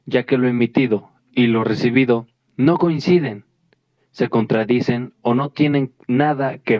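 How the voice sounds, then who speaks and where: A man's voice: mid-range voice, a little mellow, no echo. A man presenting a lesson, talking straight to his listeners and often restarting and correcting himself. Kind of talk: lesson addressing a class. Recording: dull lo-fi dry recording.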